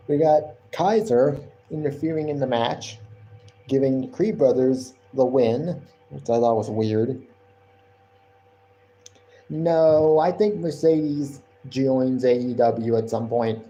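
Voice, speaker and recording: A man's voice: medium pitch, dark tone. A man hosting a wrestling podcast live stream, rambling casually and often repeating and correcting himself.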